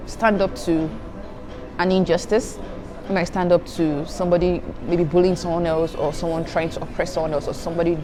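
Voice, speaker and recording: A young Nigerian woman whose first language is Igbo answers questions on her student vlog in a lowish voice, with background music behind her. Her chat to viewers is casual and chatty, peppered with "guys" and giggles between answers.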